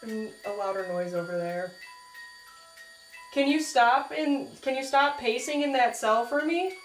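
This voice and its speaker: Young american woman ghost hunting, jumpy slangy talk, slow, echoey and far from the mic. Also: a little high, soft background music. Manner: nervous, slangy, talking softly to spirits. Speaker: paranormal investigator. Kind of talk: ghost hunt commentary. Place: dark echoing old prison cell block.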